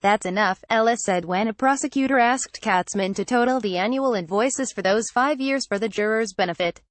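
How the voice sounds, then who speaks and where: A woman narrating a news roundup in a steady, scripted read-aloud delivery. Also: a little high, moderate pace, no echo.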